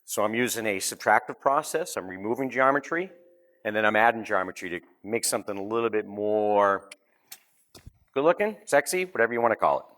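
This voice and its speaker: A man with a Boston accent giving a relaxed, joking, step-by-step software demo at a conference session. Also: lowish voice, fairly quick. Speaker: presenter. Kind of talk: live technical demo.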